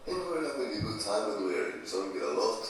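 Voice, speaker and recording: A man telling a casual anecdote, halting with many pauses, in a bar. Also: fairly low pitch, big pitch swings, slight background noise. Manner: halting, lots of filler pauses. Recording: echoey bar from far off.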